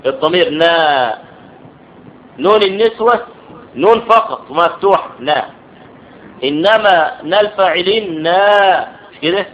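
A man's voice: high voice, expressive, a little hiss or hum. Egyptian man teaching, lo-fi classroom recording. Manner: explanatory, checks understanding with quick questions. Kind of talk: classroom grammar lesson.

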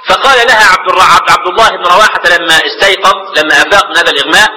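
A quick-talking Egyptian sheikh delivers a religious lecture in a high, sharply bright voice. He breaks into colloquial asides and repeats words while searching for them. A long reverb trails his voice through the hall. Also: slight background noise. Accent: Egyptian Arabic. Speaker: sheikh teaching jurisprudence.

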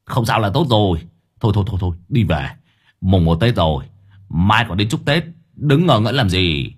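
A man voicing a shrill, scheming old village man who shifts between panic and mockery. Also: animated, normal speed, slightly rough. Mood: brusque.

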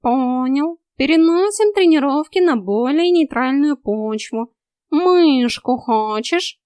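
Woman doing a cheeky tomcat, very high and loud, teasing drill-coach manner, dry close sound. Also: animated, slow, no echo. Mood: sly. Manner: teasing, bossy drill-instructor banter. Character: cheeky male talking cat, mocking coach. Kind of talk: audiobook character voice.

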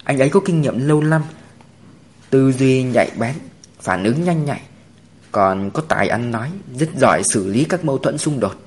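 A man voicing a calm male police officer who explains things in a measured way. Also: mid-range voice, slight background noise, natural voice.

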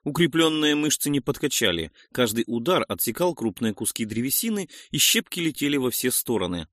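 A man reading an action audiobook in the first person with expressive narration. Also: mid-range voice, brisk, dry recording, clean studio sound.

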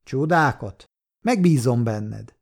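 A man reading the part of a sly male shop owner, secretly a police detective, with a calm, mocking self-assurance. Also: medium pitch, gravelly. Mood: sly, cool.

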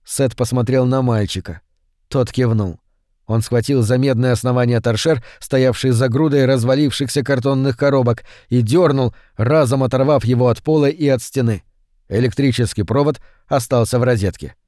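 This is a mid-pitched male voice telling a horror story for an audiobook in a measured, steady manner. Recorded close and dry, it carries no room sound.

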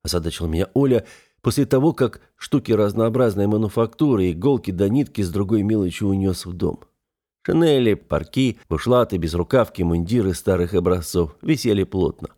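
A man reading a novel aloud as first-person narrator, measured and even. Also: lowish voice. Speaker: audiobook narrator.

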